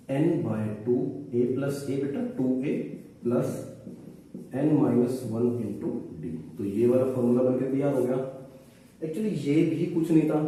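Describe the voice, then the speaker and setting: A man's voice: mid-range voice, dark tone. A man teaching a maths lesson, patient and reassuring as he talks his students through each step. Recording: echoey room, distant mic.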